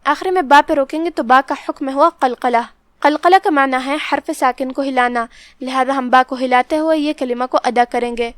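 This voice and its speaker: High, clear-voiced woman teaching recitation. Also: a bit bright, dry recording. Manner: methodical, explains each rule before reciting it. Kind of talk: step-by-step recitation lesson.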